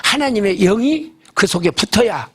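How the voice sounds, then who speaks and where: A man's voice: high-pitched, expressive, moderate pace, a crowd in the background. An older man preaching a sermon as a pastor. He tells a story in a folksy, emphatic way and keeps asking the congregation questions. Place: church service.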